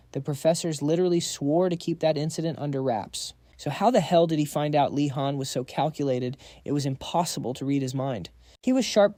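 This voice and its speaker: A man's voice: on the high side, warm tone, no echo, clean studio sound. A man narrating a scripted story recap in a slangy, hyped storytelling manner.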